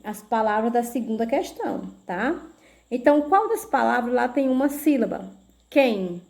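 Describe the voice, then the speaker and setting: A woman with a Brazilian Portuguese accent teaches a video lesson in a slightly high voice. She speaks very slowly and patiently, spells words out syllable by syllable and keeps checking in with short tag questions. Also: warm tone.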